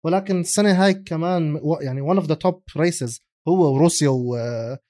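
A man's voice: a little high, normal speed, warm tone. A man with a Levantine Arabic accent co-hosting a casual sports discussion, dropping English terms into his talk. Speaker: motorsport podcast co-host.

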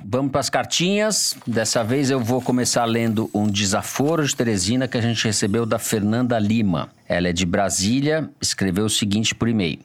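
A man hosting a talk podcast, joking casually and reading listener letters. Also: on the low side. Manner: joking, then reads letters plainly. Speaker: podcast host. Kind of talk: casual chat.

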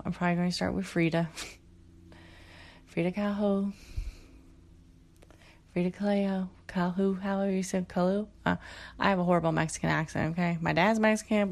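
A woman with a creaky, medium-pitched voice hosts her own podcast solo, chatting casually. She swears freely and keeps filling her monologue with fillers and restarts.

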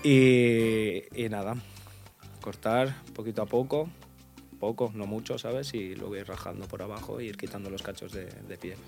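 Man in his twenties, low-pitched, relaxed casual chat, quiet music behind. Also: moderate pace, vocal fry. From Portugal. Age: 20s. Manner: relaxed, laughs often, trails off softly. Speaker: podcast guest.

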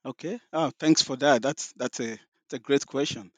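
A man's voice: mid-range voice, fairly bright tone, no room sound. Nigerian-accented professor in his fifties, hesitant thoughtful delivery, dry recording. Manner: halting, many fillers and restarts. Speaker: guest professor. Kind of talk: academic interview answers.

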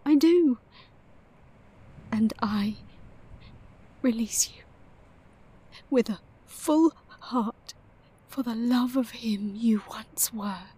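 An actress playing a heartbroken, gently resolute young fiancée in an audio drama, breathy and formal in her delivery. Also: on the high side, very slow, long pauses, heavily acted. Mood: sorrowful, resolute.

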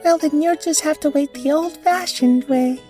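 A woman's voice: sits high, moderate pace, mellow, soft background music, pitched above the performer's own voice, lightly acted. A woman voicing a small, matter-of-fact little girl in a children's story. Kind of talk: storybook character voice.

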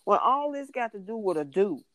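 A co-host in casual chat about a soap opera, acting out the characters' lines in an animated way. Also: medium pitch, moderate pace, dry recording.

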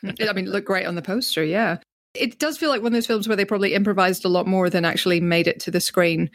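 A woman's voice: mid-range voice, fast talker. A woman from Northern Ireland chatting casually about films as a podcast co-host, wry and teasing. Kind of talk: casual film discussion.

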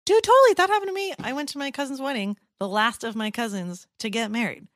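A woman in her thirties co-hosting a podcast, chatting in an animated way that trails off softly. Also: on the high side, fast talker, no room sound, studio quality. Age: 30s. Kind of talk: casual chat. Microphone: podcast microphone.

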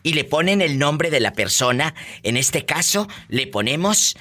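A man's voice: a little high, big pitch swings, a little slow, bright, forceful tone. A man with a Mexican accent hosting a call-in radio show, flamboyant and gossipy, teasing his caller and laughing often. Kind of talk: campy call-in radio chat.

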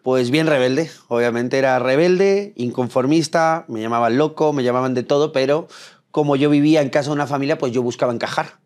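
A man's voice: mid-range voice, fairly quick, darkish tone. A young adult man from Spain with a Madrid accent, answering interview questions about dating in an earnest, storytelling way. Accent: Madrid Spanish. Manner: earnest, storytelling, frequent restarts. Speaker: dating coach guest. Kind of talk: interview conversation.

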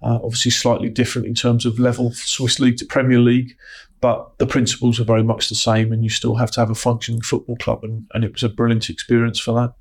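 A middle-aged man answering interview questions in a measured, businesslike, conversational way. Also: medium pitch, monotone, husky. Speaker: interviewee, football operations executive.

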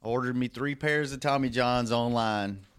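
A man's voice: mid-range voice, normal speed, very noisy. A man hosting a sports show in a casual, chatty style. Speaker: show host. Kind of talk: casual chat.

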